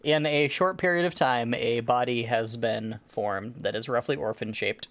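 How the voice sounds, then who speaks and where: A man narrating a tabletop role-playing game as game master, describing scenes in a halting, improvised way. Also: medium pitch, fairly bright tone.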